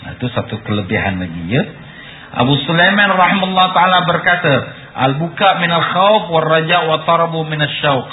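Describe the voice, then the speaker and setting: A man with a Malaysian Malay accent giving a religious lesson as a sermon, gentle, with many "ha" and "ya" fillers, sometimes dropping to a hushed, drawn-out voice. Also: a little high, lively intonation. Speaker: religious teacher. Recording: tinny phone-like sound with faint ambience.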